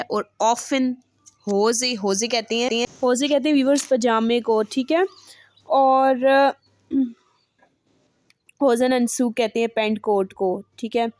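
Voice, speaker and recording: Woman, language teacher, slow deliberate delivery, dry close sound. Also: fairly high pitch, fairly even intonation, no room sound. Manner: repeats words slowly and says "ठीक है" often. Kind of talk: online language lesson.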